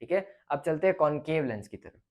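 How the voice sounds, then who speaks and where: A man works through a physics question as a teacher, thinking aloud. His delivery is casual and unhurried, and he pauses often to check that his students are following. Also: on the high side, expressive. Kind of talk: explaining a lecture on light.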